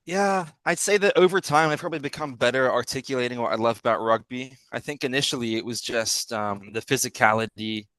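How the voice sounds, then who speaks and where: A man's voice: medium pitch, fairly quick, hardly any pauses, a bit bright, no room sound, poor audio. A young man who grew up in Hong Kong, a rugby player talking at length as a podcast guest, often restarting his sentences. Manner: expansive, talks at length with self-corrections. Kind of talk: casual podcast chat.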